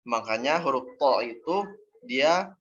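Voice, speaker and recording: A man's voice: medium pitch, a little slow, a bit bright. A man teaching Quran recitation in an online class, patiently explaining and drilling syllables aloud. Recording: dull audio with faint noise.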